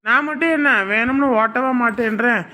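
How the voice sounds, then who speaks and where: A jealous young son who grumbles and pins every problem on his brother, played by a performer. The tone is bright and forward, and the talk never stops bickering. This is family comedy sketch acting. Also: medium pitch, lightly acted. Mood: defensive. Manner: whiny, bickering, quick to blame. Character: jealous, complaining young man, elder son.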